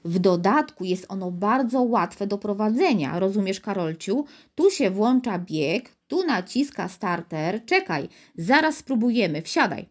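A woman's voice: mid-range voice, expressive, a little slow, hardly any pauses. A woman voicing an eager young boy who confidently explains things, in a storybook reading. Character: eager young boy, know-it-all tinkerer.

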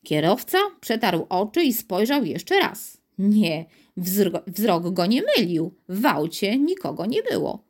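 A woman reads a children's storybook aloud with an expressive, animated voice. Her pitch moves freely while the pacing stays measured and clear. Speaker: narrator. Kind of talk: storybook reading.

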